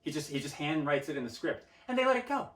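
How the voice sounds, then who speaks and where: A man's voice: fairly high pitch, sing-song, fast talker, fairly bright tone. A man giving a pompous, self-important rant in a mock-serious interview, stammering through his restarts. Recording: roomy sound from a distant mic.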